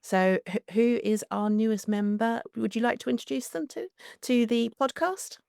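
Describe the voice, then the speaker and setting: A woman's voice: fairly high pitch, moderate pace, vocal fry, darkish tone, clean tone, no room sound, clean studio sound. A woman co-hosting a podcast, chatting casually with stammering restarts. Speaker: podcast co-host.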